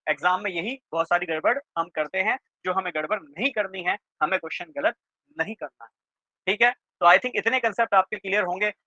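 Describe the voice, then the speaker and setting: A man teaching a reasoning class for exam prep, quizzing students with quick questions and checking often that they follow. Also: high voice, pushed and bright, no room sound. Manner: keeps checking in with students, asking "clear?". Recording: dry, slightly dull lo-fi sound.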